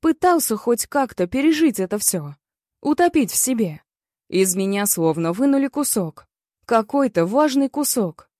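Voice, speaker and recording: A woman's voice: medium pitch, warm tone, dry recording. A woman narrates a first-person story in a blunt, bitter voice with crude turns of phrase. The sound is dry and close, with no room around it. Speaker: audiobook reader.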